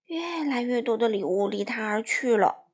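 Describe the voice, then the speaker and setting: A woman reading a children's picture book aloud to young listeners in a gentle, unhurried way. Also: fairly high pitch, animated.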